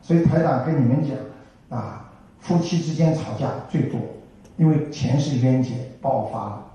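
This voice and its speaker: A man's voice: medium pitch, normal speed, mellow, lo-fi sound. Older man giving an echoey Buddhist talk. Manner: folksy, full of rhetorical questions. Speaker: Buddhist teacher. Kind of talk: Buddhist dharma talk to an audience. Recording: echoey hall from far off.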